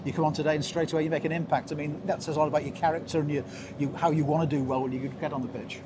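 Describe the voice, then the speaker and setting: A man puts post-match questions to a player for the club, leaning on "you know" and leading questions. His voice sits a bit high and he talks fast. Clear outdoor stadium noise runs under the recording. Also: level tone. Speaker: club interviewer.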